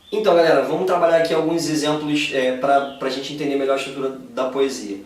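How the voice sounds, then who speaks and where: A man's voice: high-pitched, recorded from a distance. A man with a Brazilian accent gives a casual video lesson on literature, often checking in with his students. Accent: Brazilian Portuguese. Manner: casual, addresses students as "gente" and "galera", often checks "beleza?". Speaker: literature teacher. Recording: very echoey room, voice off-mic.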